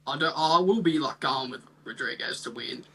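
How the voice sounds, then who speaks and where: A man's voice: a little high, normal speed, creaky, fairly bright tone, slight background noise. A young man with an Australian accent chatting casually about sport in a slangy, loosely rambling way. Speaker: fight prediction podcast co-host.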